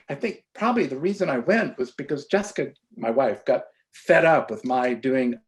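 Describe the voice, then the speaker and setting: A man being interviewed as an author, telling animated stories and often restarting his sentences. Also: medium pitch. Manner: halting, many restarts and repeated words; animated storytelling. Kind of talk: conversational interview.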